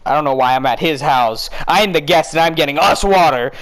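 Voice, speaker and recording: A man's voice: fairly high pitch, brisk, a bit bright. A young man co-hosting a casual chat, joking and rambling as he tells a story. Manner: joking, rambling, self-correcting. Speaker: podcast co-host.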